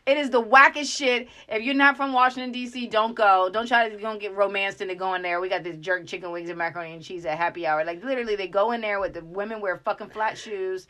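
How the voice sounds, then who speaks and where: Woman co-host, bright and sharp, animated profane banter. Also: mid-range voice. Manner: animated, profane, quick-witted. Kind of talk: casual chat.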